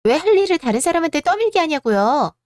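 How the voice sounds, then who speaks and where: A woman's voice: very high-pitched, sing-song, fast, a little mellow, no echo, clean studio sound, pitched above the performer's own voice. A woman voicing an indignant, self-important elder sister-in-law who demands help with the chores. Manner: whiny, indignant.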